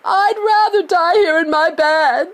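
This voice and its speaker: A woman's voice: on the high side, very animated, moderate pace, voice pushed up. A woman voicing a frightened, bedridden old grandmother in a storybook reading, shrieking and dragging out her words. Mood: terrified.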